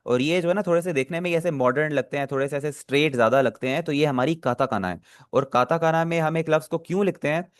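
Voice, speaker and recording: A man's voice: a little high, dry recording, clean studio sound. A man teaching an online language lesson, patiently explaining vocabulary, posing questions to his students and answering them himself, often repeating himself to check they follow. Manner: patient, repeats and checks understanding with filler phrases; asks the class questions then answers them.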